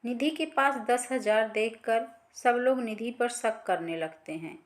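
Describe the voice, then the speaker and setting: A woman storyteller reading a scripted family drama in an even, plain manner. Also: on the high side, unhurried.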